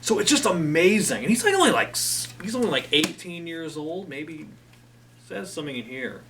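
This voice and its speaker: A man's voice: fairly high pitch, very animated, fairly quick, far from the mic, background noise. A man hosting a casual talk about old albums, enthusiastic and rambling with lots of fillers. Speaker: host.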